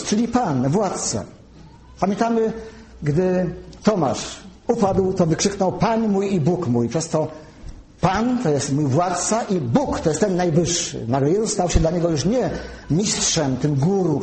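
A man delivers a careful teaching sermon, pausing to spell out each term. His voice sits a little high but sounds mellow and warm. The room around him is echoey, with a faint hum of ambience. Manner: measured teaching, spells out terms slowly. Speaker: preacher.

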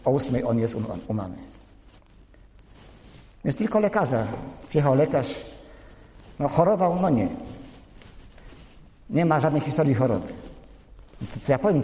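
In an echoey hall, a man with a fairly high but dark-toned voice delivers a sermon built on family stories. He keeps it conversational and anecdotal, addressing the congregation directly.

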